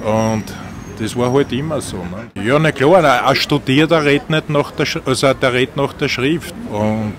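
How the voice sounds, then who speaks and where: A man's voice: mid-range voice, moderate pace, fairly bright tone. An older man with a Viennese German dialect, reminiscing casually in a rambling, colloquial way with frequent tag questions. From Vienna, Austria. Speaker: taxi driver. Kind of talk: casual reminiscing about dialect and city life. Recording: clear vehicle and street noise.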